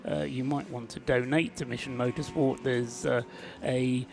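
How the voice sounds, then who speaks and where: A man's voice: medium pitch, level tone, moderate pace, gravelly, music in the background. A man commentating on a live race broadcast and interviewing guests, chatty and full of hesitant fillers.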